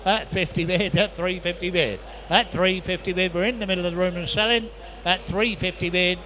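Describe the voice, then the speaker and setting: A man's voice: high-pitched, fairly even intonation, fairly quick, pushed and bright, a little hiss or hum. A man working as an auctioneer, chanting repeated prices and bid calls in patter at a live sale. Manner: repetitive patter of prices and bids. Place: busy auction sale room.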